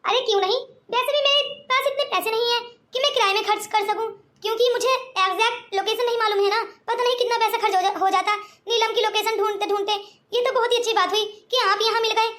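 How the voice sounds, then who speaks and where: A woman voicing an eager, chatty young woman in a cartoon story, talking in a quick, confiding way. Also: extremely high pitch, steady tone, fairly bright tone. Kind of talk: cartoon voice acting.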